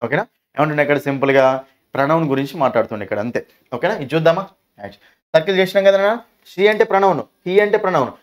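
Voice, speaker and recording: Male teacher with a Telugu accent, quick and high-pitched, runs a classroom grammar drill with rhetorical questions. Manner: asks questions and answers them himself, calls students "nanna". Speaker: English teacher.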